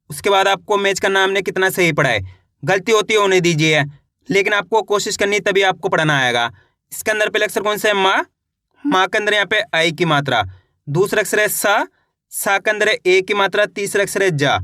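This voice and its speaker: A man with a high, bright voice teaches beginners to read Hindi. He sounds out each word syllable by syllable with patient repetition. His voice is dry and close to the mic. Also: dry recording. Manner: patient, repeats each word slowly syllable by syllable, then speeds up for explanations. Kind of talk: spelling out and reading Hindi words for learners.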